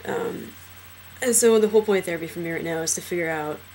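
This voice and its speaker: In a casual personal vlog, a young transgender man talks hesitantly with lots of fillers and restarts, his trained low voice pushed even deeper by a cold. He speaks fast, with a creaky, slightly mellow quality, slight background noise and poor audio.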